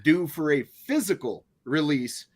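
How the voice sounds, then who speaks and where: A man's voice: fairly high pitch, lively intonation, unhurried. A man co-hosting a casual chat, easygoing and agreeable, introducing the next topic.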